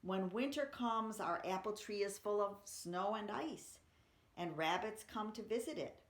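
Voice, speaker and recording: Here a library story-time reader, a woman with a medium-pitched voice that runs a little slow, shares poems with children. Her reading is expressive, her between-poem chatter simply explained, and the recording carries an echoey, roomy sound.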